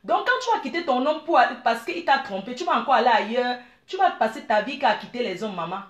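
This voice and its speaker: A middle-aged woman from Cameroon, giving blunt, animated advice and calling her listeners dear. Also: on the high side, fast talker, reverberant. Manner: blunt, animated, calls listeners "maman" and "ma chérie". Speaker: business owner. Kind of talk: frank advice monologue.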